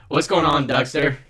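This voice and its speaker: Bright-voiced man hosting a live stream. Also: medium pitch. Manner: greets viewers by name, rambling and loose. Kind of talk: casual live stream chat. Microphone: USB desk microphone.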